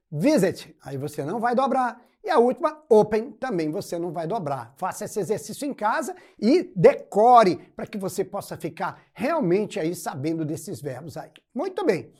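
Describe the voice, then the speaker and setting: Lively Brazilian woman teaching English. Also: medium pitch. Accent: Brazilian Portuguese. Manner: explains step by step, checks in with frequent "ok?" and "muito bem". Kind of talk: recorded classroom explanation.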